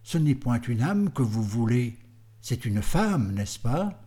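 A man reading a proud, scornful young woman in an audiobook, in a cool, mocking, slow manner. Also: medium pitch, big pitch swings, warm tone, husky, exaggerated voice.

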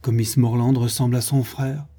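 A man's voice: mid-range voice, level tone, moderate pace, warm tone, husky, natural voice. A man reading aloud, lightly voicing an eager, sociable young woman in a storybook with eager exclamations.

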